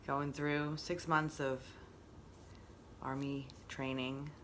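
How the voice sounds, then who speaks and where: Woman, low pitch, reflective, repeats herself for emphasis, casual motivational talk. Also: flat delivery, takes it slowly, a bit bright, slight background noise. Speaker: host.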